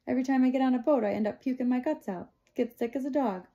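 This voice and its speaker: A stubborn young country boy with a hot temper talks back in rough, ungrammatical speech, as a woman reads him aloud. His voice sits higher and louder than the reader's own, with a gravelly grain. It is a storybook voice. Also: fast, highs cut off. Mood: defiant. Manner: defiant, drawling bad grammar.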